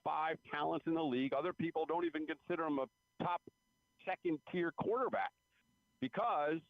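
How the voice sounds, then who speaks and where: Calling in over the phone line, the guest sports reporter speaks at normal speed in a fairly high voice with no room sound. His analysis is conversational, and he repeats phrases to stress his points.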